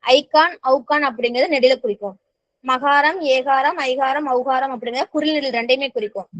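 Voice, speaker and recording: A woman's voice: high voice, fairly quick, fairly bright tone, dry recording. A woman teaching a grammar lesson. She keeps checking in with her students and mixes English words into her explanations. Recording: dull, slightly muffled sound.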